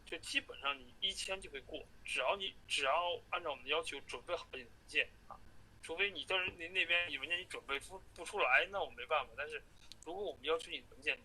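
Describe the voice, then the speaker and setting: A man on a phone call, explaining and reassuring a client as an agent, halting and repeating his words. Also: fairly high pitch, bright, forceful tone, husky. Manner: halting and repetitive, stammering over words. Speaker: immigration and study-abroad agent. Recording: noisy recorded phone call.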